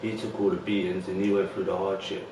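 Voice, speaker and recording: A man's voice: low-pitched, flat delivery, fast talker, echoey room, recorded from a distance, background noise. A man with a London accent, talking as a guest in a casual interview, in laid-back street slang with plenty of fillers. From West London.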